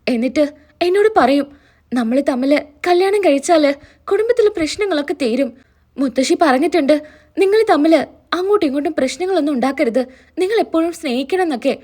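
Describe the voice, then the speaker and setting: A woman's voice: sits high, animated, quick pace, a little mellow. A woman retelling a story, voicing a young daughter tearfully begging her parents for forgiveness. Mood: pleading. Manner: pleading, tearful.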